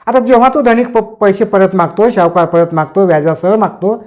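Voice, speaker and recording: A man's voice: high voice, brisk, a little mellow. A man lecturing a class, explaining Pali verses line by line, repeating phrases with synonyms and dictating notes. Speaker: teacher.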